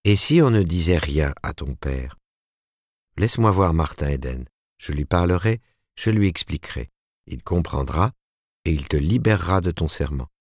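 A man's voice: rumbling low, lively intonation, moderate pace, dry recording, studio quality. A man doing a stern, proper middle-aged mother. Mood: coaxing. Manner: admonishing, rising emphatically. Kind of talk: audiobook character reading.

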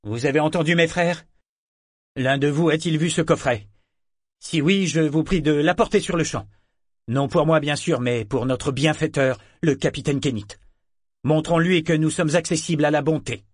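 A scheming wandering priest plays at pious outrage, voiced by a man reading aloud. The voice sits well above the reader's own and is loud and showy. The recording is dry, with no room sound. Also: on the high side, normal speed, no room sound, voice pushed up, lightly acted. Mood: oily, pious. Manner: theatrical, falsely pious. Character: scheming wandering male priest, theatrical and unctuous.

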